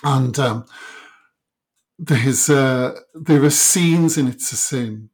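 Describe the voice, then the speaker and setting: A man's voice: mid-range voice, takes it slowly, slightly rough. Middle-aged man with a Welsh Valleys accent. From South Wales Valleys. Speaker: interview guest. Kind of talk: reflective conversational interview.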